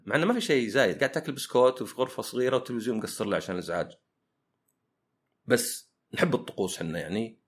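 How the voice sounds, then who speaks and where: Male host: low voice, fast, chatty, conversational advice monologue. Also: a bit bright. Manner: chatty, conversational, acts out everyday dialogues. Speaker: podcast host. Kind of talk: casual solo advice talk.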